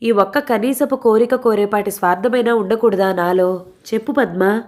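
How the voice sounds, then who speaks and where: A woman voicing a gentle, tearful middle-aged stepmother pleading in an audio story. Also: mid-range voice, normal speed, pitched above the performer's own voice, lightly acted.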